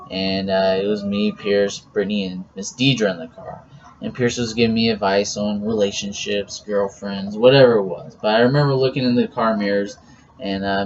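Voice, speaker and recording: A young man giving an informal, teasing best man's wedding toast speech as a recorded message. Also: fairly low pitch. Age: young adult. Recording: muffled lo-fi audio with background noise.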